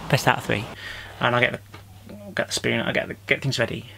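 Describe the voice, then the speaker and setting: A man's voice: level tone, a little fast, gravelly, pushed and bright, slight background noise. A male comedian from the UK talking through a comic lockdown video diary, rambling and restarting his sentences. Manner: rambling, self-interrupting, breaks into high-pitched mock crying.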